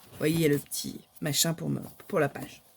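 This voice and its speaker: A woman's voice: low-pitched, flat delivery, fairly quick, gravelly, darkish tone, a little hiss or hum. A woman, casually showing her month's coloring pages in a chatty, hesitant way with many fillers. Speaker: crafting vlogger. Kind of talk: casual show-and-tell of coloring books.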